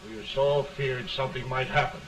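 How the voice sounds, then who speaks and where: Worried, serious man played by an actor, medium pitch, early talkie film with clear background noise. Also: fairly even intonation, normal speed, a bit bright, close to an everyday voice. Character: worried, grave friend of a sick man. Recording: noisy 1930 film soundtrack.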